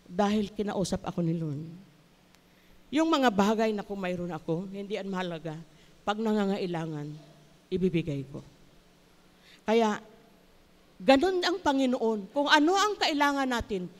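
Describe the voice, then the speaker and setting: Filipina woman preaching, telling her own story, gets loud and high on the big points, long echo like a church hall. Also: animated, moderate pace, long pauses. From Philippines. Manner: earnest storytelling, rising to emphatic high bursts. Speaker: church speaker. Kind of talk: sermon with personal testimony. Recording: church sanctuary with long reverb.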